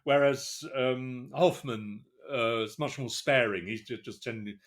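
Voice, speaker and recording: Guy cohosting a podcast, mid pitch, lots of um you know, halting. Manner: hesitant, many fillers and restarts. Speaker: podcast co-host. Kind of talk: casual chat.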